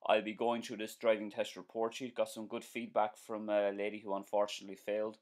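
His voice is lowish, monotone and fairly quick: a forties-aged man from Ireland with an Irish accent, running a live stream as a driving instructor. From a small indoor room at home he casually responds to viewers, friendly and chatty, repeating himself with frequent ums, uhs and restarts.

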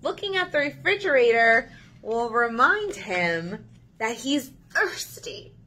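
A woman in her thirties leading a children's story time, reading aloud in an animated, sing-song way to young listeners. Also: fairly high pitch, takes it slowly, slight background noise. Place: small indoor room.

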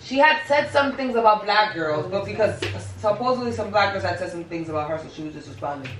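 A woman's voice: medium pitch, expressive, quick pace. A young woman co-hosting an eating vlog, chatting casually, opinionated and swearing freely. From Rhode Island. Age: young adult. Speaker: mukbang co-host. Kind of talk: casual group chat while eating. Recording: roomy, mic at a distance, faint background hum.

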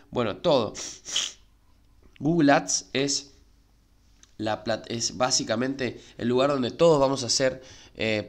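A man with an Argentine Spanish accent who runs a crypto channel on YouTube and talks to viewers casually, with lots of "eh" and "¿sí?". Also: medium pitch. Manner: chatty, repeats filler "eh" and asks "¿sí?". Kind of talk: casual spoken market commentary.

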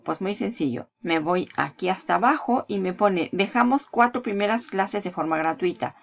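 Lady doing a screen tutorial, bit of fry in her voice, dull lo-fi sound, keys clacking. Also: mid-range voice. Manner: walks through steps while clicking, asks and answers her own questions. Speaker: online marketing tutor.

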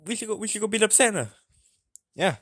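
A performer voicing an excitable, whiny male plumber puppet in a plush comedy sketch, wailing and shouting. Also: a little fast, dry recording, clean studio sound. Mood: excited. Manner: high-strung, wailing and shouting.

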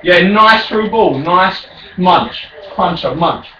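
A raging British gamer, male, with a high voice that swings animatedly up and down. He taunts and trash-talks his opponent at a slow, drawn-out pace. The sound is distant in an echoey room. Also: expressive, muffled recording. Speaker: video game player. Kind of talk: trash-talking during an online football game. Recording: echoey room, distant mic, faint noise.

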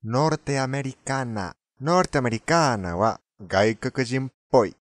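A man's voice: medium pitch, big pitch swings, moderate pace, no echo. A native Spanish-speaking man with a foreign accent, giving language lesson commentary.

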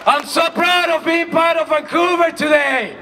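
A man from Chile giving a shouted protest speech at an outdoor rally, his voice worn out from yelling. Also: very high-pitched, steady tone, moderate pace. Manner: impassioned, rallying. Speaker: rally speaker. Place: outdoor city rally in front of a large building. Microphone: far camera in the crowd. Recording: distant voice over a noisy crowd. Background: cheering crowd.

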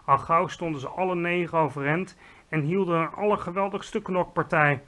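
Expressive storybook-reading man. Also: on the high side, normal speed. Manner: lively, expressive narration. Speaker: narrator reading a children's book aloud. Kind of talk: storybook read-aloud.

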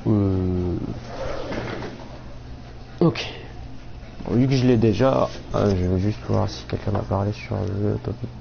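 Slow and prone to long pauses, this young man's fairly low, fairly level voice is a little off because he has a cold. He's a streamer loosely commenting on his game as he plays, wandering with lots of fillers, recorded through a muffled mic with obvious background noise.

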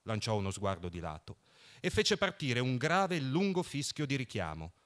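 A man reads a novel aloud at a book festival, measured and expressive. His pitch moves a lot across each sentence, and his tone is bright and forward. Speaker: reader. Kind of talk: literary reading aloud.

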